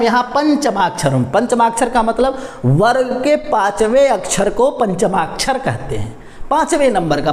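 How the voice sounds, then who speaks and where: A man's voice: high-pitched, reverberant. A male teacher giving a patient pronunciation lesson, repeating syllables and asking questions to his young viewers. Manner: addresses viewers as "my dear children".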